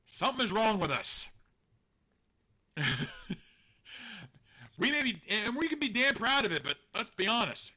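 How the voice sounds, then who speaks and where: A man hosts a live stream in a high, pushed, bright voice with big pitch swings, speaking a little slowly and pausing often. He chats casually and rambles, making self-deprecating jokes, laughing often, and swearing now and then.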